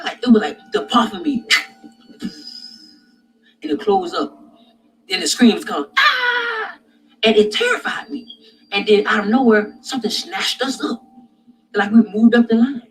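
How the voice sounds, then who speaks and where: A man telling a vivid religious dream in a halting, repetitive way that grows loud and intense. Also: sits high, low-quality recording. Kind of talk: personal dream testimony.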